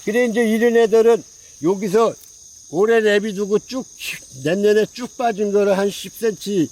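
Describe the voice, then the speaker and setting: A man's voice: high voice, mellow, poor audio. A man who grows pine trees, speaking, casually demonstrating pruning outdoors and repeating his phrases as he points at branches. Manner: repetitive, folksy explaining while pointing at branches. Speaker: pine tree grower.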